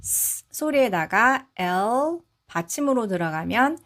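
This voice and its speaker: A woman's voice: fairly high pitch, animated, slow pace, fairly bright tone. A woman teaching English phonics, patiently sounding out each syllable and blending the sounds together. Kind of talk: slow explanatory phonics lesson.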